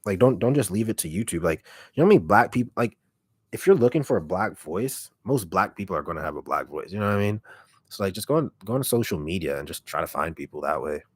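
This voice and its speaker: Man, extremely low voice, raspy, relaxed casual livestream chat, close dry mic. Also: quick pace, no echo. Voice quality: deep and raspy. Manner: relaxed, rambling, heavy use of "like". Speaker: ASMR content creator on a livestream. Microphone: microphone held very close.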